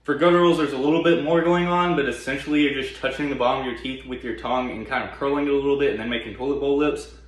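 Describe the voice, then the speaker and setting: A man's voice: medium pitch, steady tone, quick pace, hardly any pauses. A man teaching a vocal technique in a casual, plain-spoken explanatory way with informal slang. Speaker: vocal tutorial instructor. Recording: very echoey room.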